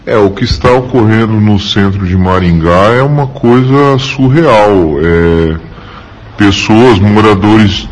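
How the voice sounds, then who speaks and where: Man, voice changer effect, hesitant, slow, low. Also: low-quality recording. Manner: hesitant, many filler sounds. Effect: voice altered by a voice changer. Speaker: shop owner. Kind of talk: street interview.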